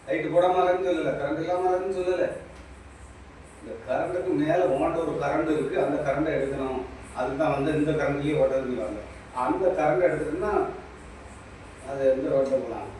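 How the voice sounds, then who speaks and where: A man's voice: on the high side, darkish tone. Preachy man, echoey distant recording. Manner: preachy, repetitive, addresses listener directly. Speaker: spiritual teacher. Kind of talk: impromptu spiritual talk. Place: small shop. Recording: very echoey, distant mic, faint noise.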